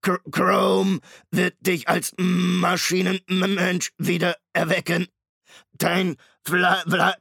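Brief: a menacing undead machine stalker in an audiobook, high and loud, slow stuttering drawl. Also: male voice, dry recording, clean studio sound, heavily acted. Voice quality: stuttering, creaking like a damaged tape. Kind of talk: audiobook reading.

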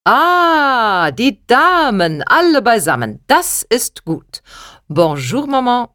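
Woman voicing a jovial uncle, loud, raised pitch, storybook reading, dry close sound. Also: huge pitch swings, slow pace, dry recording, heavily acted. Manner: booming greetings, sprinkles French words. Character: jovial middle-aged uncle, loud and hearty.

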